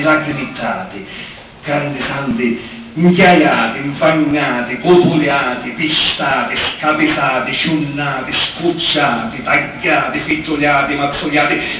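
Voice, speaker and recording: Male, Trapani Sicilian accent, slow declamatory poetry recitation, slightly high voice, live in a reverberant hall. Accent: Sicilian, Trapani area. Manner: declamatory, list-like delivery in short emphatic words. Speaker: poet reciting own religious poetry. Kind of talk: dramatic dialect poetry recitation. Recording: echoey noisy hall, distant microphone.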